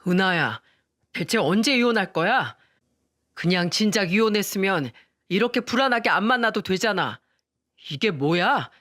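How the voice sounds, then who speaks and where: A woman reading as an impatient young lover who complains and presses for more. The voice stays near her own mid pitch, close and dry. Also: lively intonation, normal speed, a bit bright, no room sound, close to an everyday voice.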